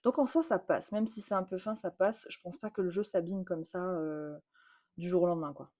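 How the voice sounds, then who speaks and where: A woman's voice: fairly low pitch, fairly even intonation, fairly quick, darkish tone. Chatty French woman unboxing tarot decks. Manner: chatty, repeats words, many fillers. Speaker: tattoo artist and tarot channel host. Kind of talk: casual tarot deck unboxing.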